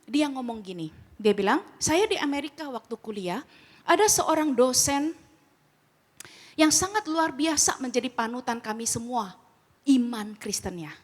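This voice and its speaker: A middle-aged woman giving a casual teaching talk on grief care, acting out quoted exchanges in lively, slangy speech. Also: high-pitched. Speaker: speaker at a church grief ministry training.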